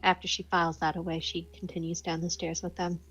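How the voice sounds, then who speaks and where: A woman's voice: fairly low pitch, flat delivery, quick pace, fairly bright tone, slightly rough. A woman casually narrating her character's actions as a player in a tabletop game, on a dull recording.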